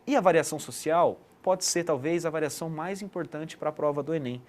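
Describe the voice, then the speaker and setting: Here a teacher delivers an online lesson in a voice on the high side, moving at a fairly quick pace. He explains in a didactic way and regularly checks that the listener is following, often tacking on "né".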